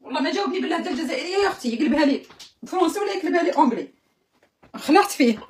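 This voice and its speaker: Rapid-fire Algerian woman live streamer. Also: high voice, expressive. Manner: chatty, exasperated and joking with viewers. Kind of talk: casual live-stream chat.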